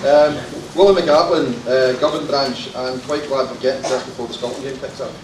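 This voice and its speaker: A Glaswegian man giving an impassioned, shouted conference floor speech with joking asides. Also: medium pitch, fairly even intonation, brisk. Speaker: party conference delegate. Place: large conference hall. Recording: echoey hall from far off, faint crowd and hiss.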